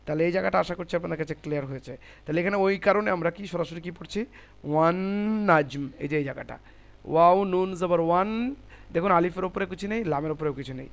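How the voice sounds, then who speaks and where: A man's voice: a little high, fast talker, vocal fry. A man teaching Quran recitation in an online class, explaining the rules step by step and patiently correcting his students.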